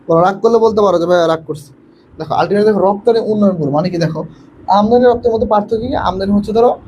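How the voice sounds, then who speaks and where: A young man from Bangladesh teaching an online admission coaching class, quizzing students and urging them to answer quickly, often repeating himself and mixing in English words. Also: high-pitched, darkish tone, a little hiss or hum, rough recording. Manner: repetitive, mixes in English words.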